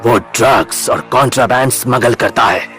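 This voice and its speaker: An actor dubbing a grave, worried old bridge builder in an anime, explaining at length. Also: male voice, medium pitch, moderate pace, a bit bright, faint music behind, lightly acted. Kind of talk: anime dub acting.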